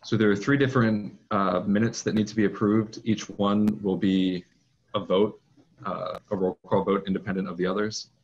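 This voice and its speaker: A school board president chairs a formal meeting over a video call, speaking in a procedural, measured manner with frequent fillers. His voice is fairly low and his delivery flat, and the call audio is muffled.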